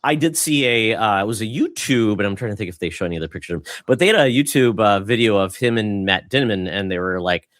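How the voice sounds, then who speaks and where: A man's voice: fairly low pitch, expressive, fast, hardly any pauses, fairly bright tone, no room sound, clean studio sound. A man hosting a podcast, chatting casually with loose, filler-heavy talk. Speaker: podcast host. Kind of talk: casual chat.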